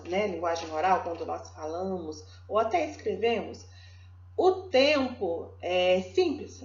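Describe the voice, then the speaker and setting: A Brazilian woman teaches an online grammar lesson and stretches out each verb form slowly. She keeps checking in with her class. Her voice sits a little high, and the lo-fi recording has a roomy echo. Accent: Brazilian Portuguese. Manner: slow, drawn-out verb conjugation drills; checks in often with "tá?". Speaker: Portuguese language teacher. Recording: echoey room, dull lo-fi sound.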